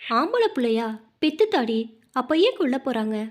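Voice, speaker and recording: A short-tempered young husband speaks curtly and harshly, voiced by a woman storyteller. The voice stays high. It is a spoken storybook. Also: sing-song, moderate pace. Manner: curt, harsh.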